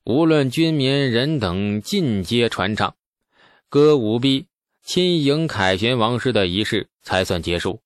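A man narrating a historical novel as an audiobook in a steady storytelling manner. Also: medium pitch, unhurried, no room sound, studio quality. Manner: steady storytelling with asides to listeners.

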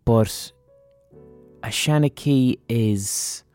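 A man's voice: medium pitch, very slow, a little mellow, clean tone, soft background music. An Irish man hosting a podcast, talking casually and earnestly with some swearing. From Ireland. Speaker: podcast host. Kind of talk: casual spoken podcast introduction and interview.

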